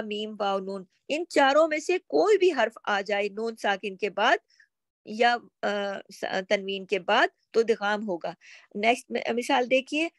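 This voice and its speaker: A woman's voice: a little high, dry recording. A woman teaching Quran recitation rules, stretching out example words and then explaining them.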